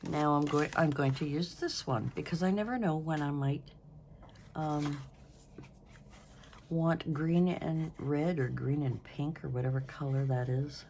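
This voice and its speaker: Low, slow-talking older woman crafting. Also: darkish tone, slight background noise. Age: 60s. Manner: rambling, self-deprecating, thinks aloud. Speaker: craft channel host. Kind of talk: casual crafting talk-through.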